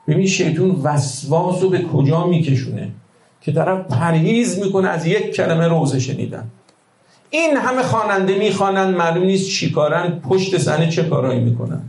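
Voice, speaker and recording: A man preaching a religious sermon, impassioned and rhetorical, swinging between hushed lines and loud outbursts. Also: a little high, lively intonation, reverberant, poor audio.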